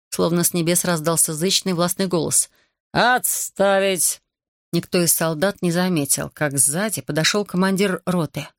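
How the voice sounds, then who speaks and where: An audiobook narrator reading a novel with expressive storytelling. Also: mid-range voice, creaky, no echo, clean studio sound.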